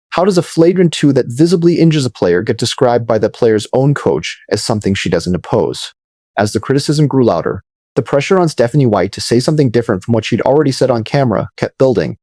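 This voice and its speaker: A man narrating scripted video commentary in a measured, dramatic storytelling manner. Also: medium pitch, warm tone, no room sound, clean studio sound.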